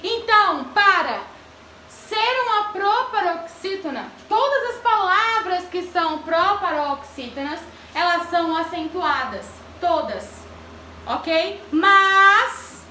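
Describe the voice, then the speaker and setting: A woman's voice: extremely high pitch, animated, slow pace, sharp tone, slight background noise. A woman teacher giving a grammar lesson to children, asking the class questions and calling on pupils by name. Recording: echoey classroom from far off.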